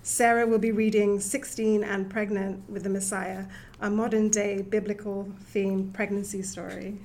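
A woman hosting an interview, giving a formal introduction and asking questions in a steady, measured way. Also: mid-range voice. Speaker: interview host introducing a guest.

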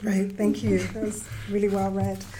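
A woman hosting an interview, giving a formal introduction and asking questions in a steady, measured way. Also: mid-range voice, soft background music. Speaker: interview host introducing a guest.

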